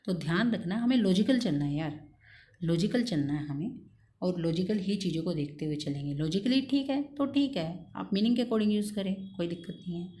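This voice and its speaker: A woman's voice: on the low side, lively intonation, fairly quick, mellow. A woman teaching an English grammar lesson in a patient, coaxing way, repeating key points and checking in with her students after each one.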